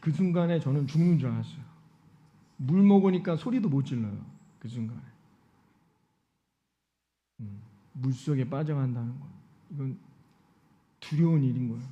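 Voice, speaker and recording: A man's voice: medium pitch, normal speed, pauses often, mellow. A male pastor preaching a Sunday sermon in a church, often putting rhetorical questions to the congregation. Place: church sanctuary. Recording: dull lo-fi sound.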